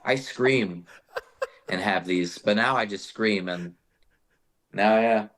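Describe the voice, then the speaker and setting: A young man with a slightly low voice, chatting as a podcast guest. He tells his stories with animated energy, peppered with swearing and "bro." It is loose, casual conversation. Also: slow, slight background noise. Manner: animated profane storytelling, says "bro" a lot. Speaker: podcast guest, metal vocalist. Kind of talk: casual chat.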